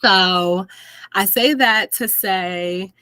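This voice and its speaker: A woman's voice: mid-range voice, drawn-out words, bright, forceful tone, clean tone, no echo. Chatty woman hosting a video call. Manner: chatty, says "like" often, laughs easily. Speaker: host of an officiant meetup. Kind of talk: casual group video call chat.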